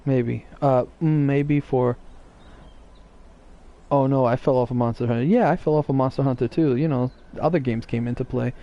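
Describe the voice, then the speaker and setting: A man's voice: mid-range voice, fairly even intonation, normal speed, highs cut off. A man streaming live, chatting casually and teasing his viewers in a rambling way.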